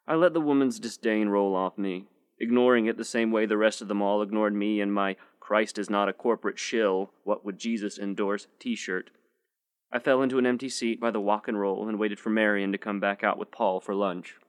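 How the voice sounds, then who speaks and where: A man narrating a short story in a steady, measured first-person reading. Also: fairly low pitch, clear, resonant tone, no echo. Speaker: audiobook narrator.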